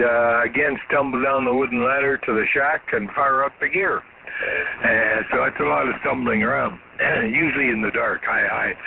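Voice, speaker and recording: A man with a morning-rough voice checking into a ham radio net, friendly and rambling. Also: mid-range voice. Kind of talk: casual radio chat. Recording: tinny radio audio with noise.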